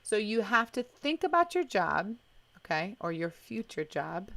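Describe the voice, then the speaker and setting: A woman teaching a live online English lesson, speaking slowly and encouragingly and mixing in Portuguese phrases as she explains. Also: medium pitch, very animated, gravelly, a bit bright, no room sound. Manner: encouraging, reads student questions aloud. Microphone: live stream mic.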